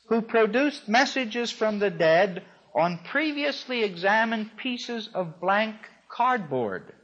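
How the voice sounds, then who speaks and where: A man's voice: sits high, a bit bright. A man giving a storytelling lecture to an audience, in a wry, dryly amused way. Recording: dull lo-fi recording.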